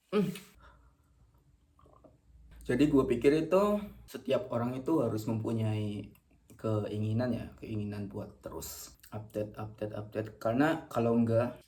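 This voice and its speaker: A man in his late teens with an Indonesian accent chats casually to camera while eating, rambling and halting, sometimes with his mouth full. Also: on the low side, warm tone. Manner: rambling, halting, slangy, self-correcting; talking between bites, sometimes with mouth full. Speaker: vlogger.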